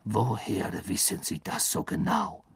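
Reader doing a sneery cold teacher guy, low and hissy, drags every word. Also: huge pitch swings, a little slow, creaky, husky, full character voice. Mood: sneering.

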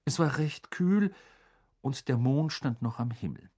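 A man narrating a story in an expressive storytelling voice. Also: mid-range voice, a little slow. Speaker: audiobook narrator. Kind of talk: scripted narration.

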